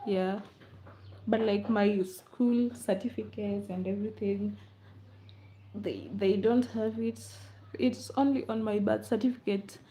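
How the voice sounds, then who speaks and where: A livestream host chats casually, responding to comments playfully and teasingly and laughing often. Her voice is medium-pitched and mellow with fairly even intonation and a measured pace. The audio has a dull lo-fi livestream quality.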